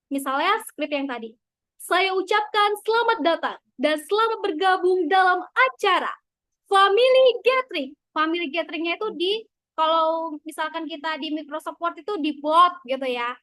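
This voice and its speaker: High-voiced woman teaching public speaking. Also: sharp tone, no room sound. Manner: chatty, frequent filler tags, acts out example lines. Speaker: university lecturer. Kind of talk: casual online teaching.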